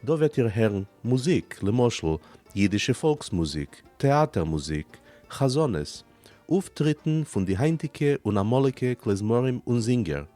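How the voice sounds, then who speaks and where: A man reads a scripted radio introduction in a measured, formal tone. Faint guitar music plays behind him. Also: mid-range voice, expressive, dark tone. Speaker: radio announcer.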